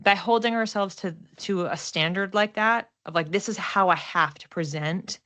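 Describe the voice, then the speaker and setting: Speaking at a normal speed, this oracle card reader and astrology host has a mid-range voice that's a bit bright. Her reading is casual and unscripted, reflective and conversational, as if she's thinking out loud.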